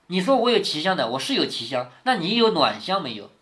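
A man reads a classic novel aloud to his daughter, pausing to explain passages and ask her questions. He speaks fast in a slightly high, very animated voice with a fairly bright tone.

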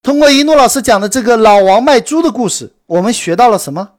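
Woman narrator, higher voice, brisk emphatic sales pitch, scripted storytelling. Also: lively intonation. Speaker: course promoter narrator.

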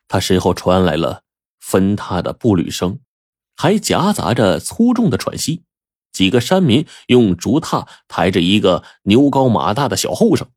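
Man, storyteller, husky voice, lively melody, lowish pitch, dry close sound. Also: no echo. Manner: lively, with drawn-out particles. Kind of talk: storytelling narration.

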